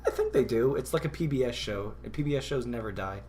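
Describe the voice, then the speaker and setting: A man's voice: medium pitch, lively intonation, fast, a loud crowd. A man co-hosting a casual comedy podcast, rambling and laughing often, sometimes dropping to a mumble. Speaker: podcast co-host.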